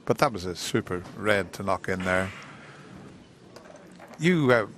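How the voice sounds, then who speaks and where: A man giving live snooker commentary in a hushed, measured delivery. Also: deep voice, expressive. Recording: crowd ambience and background noise. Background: snooker arena audience ambience.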